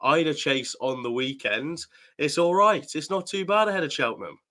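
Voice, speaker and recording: A man's voice: fairly high pitch, animated, normal speed, pushed and bright. Upbeat man hosting a racing chat. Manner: upbeat, teasing presenter. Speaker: host of a horse racing tips show. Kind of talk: casual racing preview chat.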